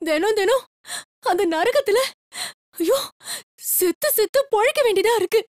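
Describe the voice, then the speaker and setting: A sobbing, pleading daughter-in-law. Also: female voice, very high-pitched, animated, moderate pace, darkish tone, dry recording, clean studio sound. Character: tearful battered young daughter-in-law. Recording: TV serial with music behind.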